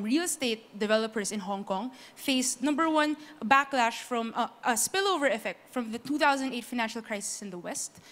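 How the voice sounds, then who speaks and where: A woman's voice: a little high, in a large hall. Earnest young woman presenting a business case. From Philippines. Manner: earnest, lays out points in numbered order. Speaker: student case competition presenter.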